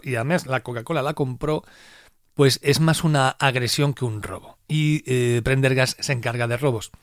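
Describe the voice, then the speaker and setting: A man from Spain hosting a podcast, chatting casually and retelling a film in an animated way. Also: medium pitch, dry recording, clean studio sound. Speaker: podcast host.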